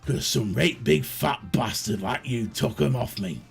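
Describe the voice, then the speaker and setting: A man putting on a gruff, rude old woman. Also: mid-range voice, animated, measured pace, faint music behind, pitched below the performer's own voice, full character voice. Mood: insulting.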